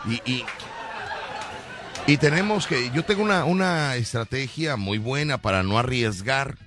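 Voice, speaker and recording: A man's voice: medium pitch, a little slow, a faint crowd. A man hosting a comic radio show with a Mexican accent, joking and laughing as he teases. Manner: joking, laughing, animated teasing. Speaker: radio comedy host.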